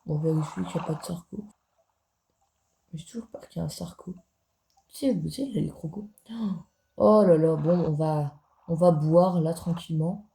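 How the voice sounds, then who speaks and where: A man's voice: on the high side, moderate pace, creaky, pauses often, mellow. A man giving casual gameplay commentary as a gaming YouTuber, chatty and jokey, talking straight to his viewers.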